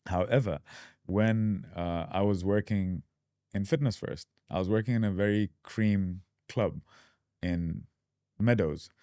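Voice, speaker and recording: Low, mellow-voiced man explaining. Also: measured pace, dry recording, studio quality. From Dubai. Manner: relaxed, explanatory, fillers and restarts. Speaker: guest. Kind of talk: casual interview.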